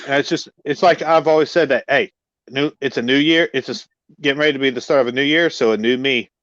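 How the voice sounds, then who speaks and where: A man's voice: mid-range voice, fast talker, fairly bright tone, no echo. Upbeat guy on a stream panel, kinda muffled audio. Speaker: panel guest. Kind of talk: casual live stream chat.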